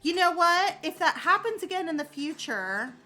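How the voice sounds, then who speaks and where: A middle-aged woman chatting casually as she works on a craft, candid and quick to swear, laughing often and correcting herself mid-sentence. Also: very high voice, big pitch swings, very noisy. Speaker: crafter chatting while working. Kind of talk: casual chat.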